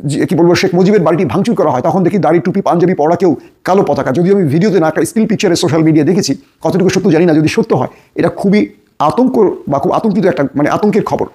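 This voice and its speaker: A man's voice: high-pitched, a little mellow, breathy edge. A man giving urgent online commentary, warning his viewers and urging them to act. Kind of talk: solo video commentary.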